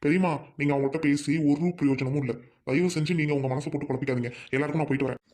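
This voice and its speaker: A man's voice: a little high, steady tone, darkish tone, close to an everyday voice. A man playing a firm young husband. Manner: firm and fast-talking. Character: young husband leaving home with his wife.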